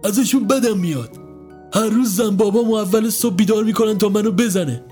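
A man's voice: high voice, dark tone, soft background music, voice pushed up, lightly acted. A man voicing a possessed old man who talks like a cruel child under hypnosis, with a gleeful, childlike manner. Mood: childish, sinister.

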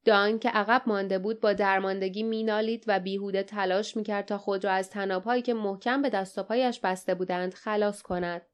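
A woman's voice: steady tone, few pauses, smooth. A woman narrating an audiobook, reading the characters' dialogue with a livelier, raised voice. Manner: reads dialogue with raised pitch and energy.

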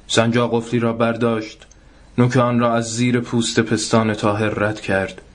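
A man narrates a literary short story in a measured, even way. His voice sits on the low side.

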